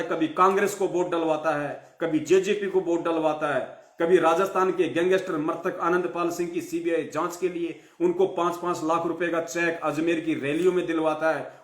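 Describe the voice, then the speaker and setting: A man with a light tinge to his preaches fiercely, berating his listeners and repeating phrases for emphasis. His voice sits high for a man. The recording has a roomy echo around it. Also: steady tone, moderate pace. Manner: scolding, rhetorical questions, repeated emphatic phrases. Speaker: devotional live speaker. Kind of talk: fiery devotional sermon.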